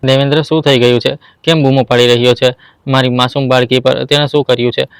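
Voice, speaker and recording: A man voicing a desperate older mother who begs, crying, to protect her daughter, in a flat, smooth voice. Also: mid-range voice, quick pace, no room sound, close to an everyday voice. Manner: begging, tearful.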